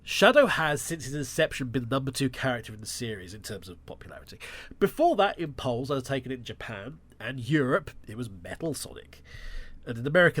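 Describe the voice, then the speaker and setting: A man hosts a solo podcast in a medium-pitched, slightly bright voice. He sounds nasal and stuffed up from a cold and drops sarcastic, wry asides as he talks.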